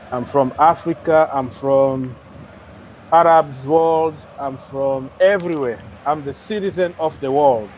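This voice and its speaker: A man's voice: mid-range voice, a little mellow, a little hiss or hum. A young man hosting a casual football livestream, joking around and talking straight to his viewers. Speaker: livestream host of a football channel.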